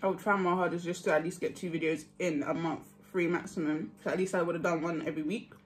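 A young woman chatting casually to her viewers while eating, easygoing and quick to laugh. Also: on the low side, steady tone, slight background noise. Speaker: vlogger. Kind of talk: casual mukbang chat.

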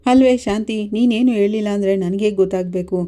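A calm elderly father, puzzled and asking questions gently, as a woman narrator puts him on. Mellow, dark delivery. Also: medium pitch, a little fast, natural voice. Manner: questioning, patient.

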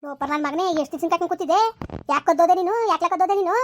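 A woman's voice: extremely high pitch, racing, slight background noise. A woman playing a furious village mother who scolds her son in a rural comedy skit, hurling repeated insults. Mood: scolding.

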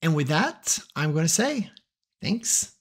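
A man's voice: on the high side, sing-song, takes it slowly, husky. A middle-aged man giving a casual, opinionated tech tutorial, chatty with self-deprecating asides. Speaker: tech trainer. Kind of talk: casual tutorial talk to camera.

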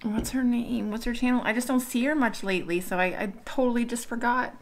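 A woman's voice: a little high, steady tone, a little fast, slight background noise. A woman in her thirties chatting casually to viewers while eating at home, rambling and laughing often. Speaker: mukbang vlogger. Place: home dining room.

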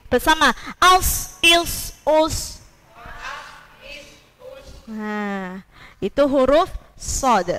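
A woman from Java, teaching Quranic letter pronunciation patiently and modeling each sound slowly. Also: high-pitched, a bit bright, poor audio. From East Java, Indonesia. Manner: slow, patient, drawn-out modeling of sounds, Javanese-tinged Indonesian.

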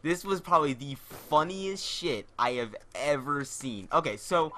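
A man's voice: a little high, a little slow, pushed and bright, a little hiss or hum. A young man hosting his gaming channel, telling a casual story in a rambling, profane way, often repeating and restarting words.

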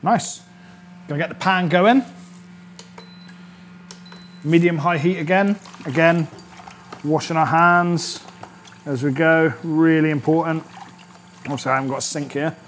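Working on an indoor kitchen studio set, a British chef in his thirties presents an informal cooking demonstration with a steady, fairly bright voice pitched a little above average. He goes at a measured pace with long pauses, explaining each step in a chatty, instructional way and often checking that listeners follow. Some background noise from the set can be heard.

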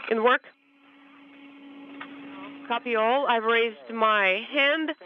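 High-voiced man on crackly space radio. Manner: brisk, terse call-and-response. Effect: crackly space-to-ground radio link. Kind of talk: clipped radio procedure talk. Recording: muffled noisy radio feed.

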